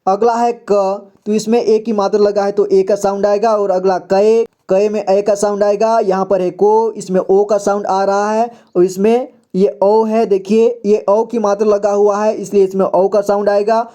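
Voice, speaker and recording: A man's voice: high voice, level tone, normal speed, few pauses, dark tone. A man teaching a beginners' reading lesson, patiently sounding out syllables one by one and checking in with frequent "okay?" asides. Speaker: Hindi teacher.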